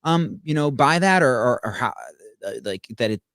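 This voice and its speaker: A man's voice: mid-range voice, animated, normal speed, a bit bright, no room sound, studio quality. A man in casual conversation, rambling with many restarts and stammers. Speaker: podcast co-host. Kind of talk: casual chat.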